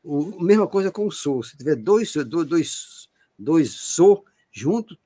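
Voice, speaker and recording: Husky Brazilian man explaining patiently. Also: fairly high pitch, big pitch swings, takes it slowly, mellow, no echo. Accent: Brazilian Portuguese. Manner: explains by repeating himself, with examples and checks like "né?" and "entendeu?". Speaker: radio co-host. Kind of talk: casual explanatory chat.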